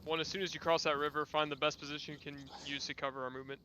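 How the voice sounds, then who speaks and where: A man's voice: fairly high pitch, flat delivery, racing, very noisy. A man giving clipped, terse tactical commands as a squad leader in a military simulation game. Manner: terse, directive.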